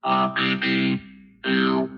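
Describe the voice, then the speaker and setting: A machine-made voice with a half-robot vocoder effect, speaking and singing slow, drawn-out lines in a generated song. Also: lo-fi sound. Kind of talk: AI-generated spoken and sung song. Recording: reverberant song mix over guitar.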